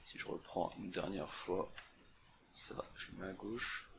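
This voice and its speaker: A man's voice: deep voice, steady tone, measured pace, creaky, in a whisper. A young man casually talking through a map puzzle on screen, thinking aloud with many fillers and restarts. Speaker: CTF walkthrough presenter. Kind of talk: casual screen-recorded walkthrough.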